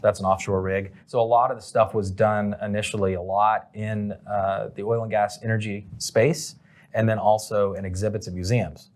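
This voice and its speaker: Guy in an interview, kinda low voice, rambles and says um a lot. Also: little pitch movement, normal speed, darkish tone. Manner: rambling, with many fillers and restarts. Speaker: company president, guest. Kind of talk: casual interview answers.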